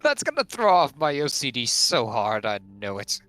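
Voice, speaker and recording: A man's voice: medium pitch, very animated, moderate pace, sharp tone, no echo, faint music behind. A man chatting casually as a friend on a game stream, teasing and joking with mock outrage. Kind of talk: casual chat.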